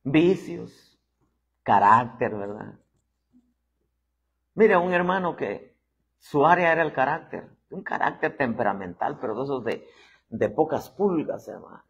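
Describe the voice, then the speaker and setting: Husky, animated preacher man. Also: mid-range voice, a little slow, long pauses, muffled recording. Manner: animated preacher acting out voices, constantly saying "hermano". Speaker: apostle preaching. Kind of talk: sermon.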